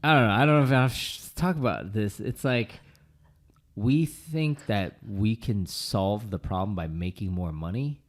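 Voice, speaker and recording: A man's voice: on the low side, unhurried. A man in his late thirties, co-hosting a casual podcast chat and telling stories animatedly with lots of filler words. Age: 30s. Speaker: podcast co-host.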